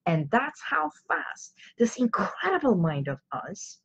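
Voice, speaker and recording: A woman in her fifties from Iran, a native Armenian speaker, hosts a self-help live show, giving an informal motivational talk to camera. She explains emphatically and poses rhetorical questions, speaking slowly with a breathy edge and big swings around a medium pitch. The recording is muffled.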